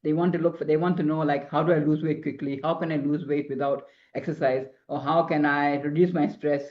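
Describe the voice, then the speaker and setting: Her voice is low and steady, a little fast, as this middle-aged woman from Singapore offers marketing advice in an interview. As a consultant guest she rambles and frequently starts her sentences over. It's a dull, lo-fi recording.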